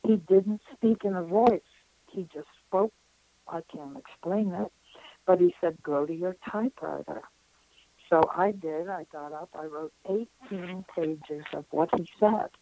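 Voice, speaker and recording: A woman in her nineties, a spiritual counselor being interviewed, telling an experience in an earnest, reflective way with frequent pauses. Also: on the low side, dark tone, slight background noise, rough recording. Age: 90s.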